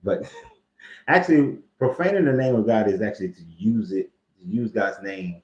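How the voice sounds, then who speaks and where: A man with a lowish voice gives loose, joking commentary on scripture, full of slang and the odd curse. He sounds like a laid-back host talking straight to his audience. The recording is roomy and echoey with a dull, lo-fi sound. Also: normal speed, darkish tone.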